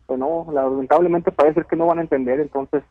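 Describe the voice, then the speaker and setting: A man's voice: fairly high pitch, fairly even intonation, brisk, no echo. Rambling man on a phone line. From Ciudad Juárez, Mexico. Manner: rambling, hesitant with many "eh" fillers. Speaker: caller, neighborhood committee president. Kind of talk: casual radio call-in chat.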